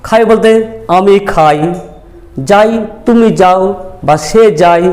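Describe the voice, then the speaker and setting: A man's voice: high-pitched, slow pace, darkish tone. A man teaching a grammar lesson. He keeps asking questions, answers them himself, and sometimes scolds a little. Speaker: English teacher.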